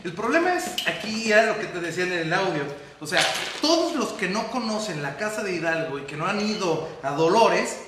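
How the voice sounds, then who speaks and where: Bright-voiced Mexican man in an echoey room. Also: high-pitched, brisk, hardly any pauses, slight background noise. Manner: animated storytelling, slangy and irreverent. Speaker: podcast host and storyteller. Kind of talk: casual group chat.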